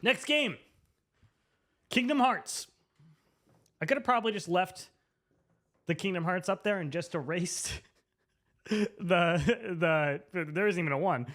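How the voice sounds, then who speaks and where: A man's voice: high-pitched, lively intonation, slow pace, long pauses, fairly bright tone. A man drunkenly explaining a story to camera in a loose, slangy comedic ramble, repeating words for emphasis. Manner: emphatic, repeats names and phrases for effect. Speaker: presenter.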